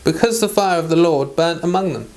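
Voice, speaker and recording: This Bible read-along host has a medium-pitched, a little mellow voice and reads a little fast. Formal passages of scripture alternate with casual, chatty talk in a homely devotional setting, shared with listeners as much as with the reader.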